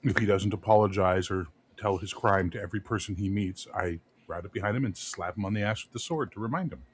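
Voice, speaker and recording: Man, player, low voice, husky, blunt, joking. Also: quick pace. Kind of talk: casual tabletop game chat.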